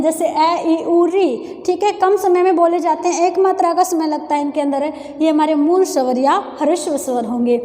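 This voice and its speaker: A woman with a Haryanvi Hindi accent leads an exam-prep grammar lesson, speaking high with a mellow tone. She drills each term by repeating it slowly for her students. The room rings with a long, echoey reverb. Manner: addresses students as children, repeats key terms slowly. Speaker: teacher.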